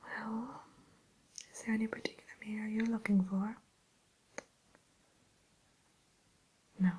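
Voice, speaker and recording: A woman playing a haughty evil fairy-tale queen turned shopkeeper in a breathy ASMR whisper, speaking in a genteel, unhurried way. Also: fairly high pitch, steady tone, a little mellow, low-quality recording. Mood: haughty, aloof. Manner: genteel, aloof, unhurried, hesitant pauses.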